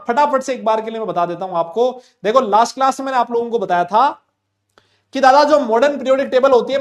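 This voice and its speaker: A young male chemistry teacher giving an online class, chatty and loud, talking to students and voicing their questions himself. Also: extremely high pitch.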